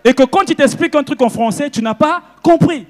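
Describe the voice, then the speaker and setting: A man from Congo performs stand-up on a festival stage, his voice sitting high. He talks in an animated way and keeps breaking into loud, shouted character bits. The sound carries a long reverb from the hall. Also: fairly quick. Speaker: stand-up comedian. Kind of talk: stand-up comedy. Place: festival stage before a live audience.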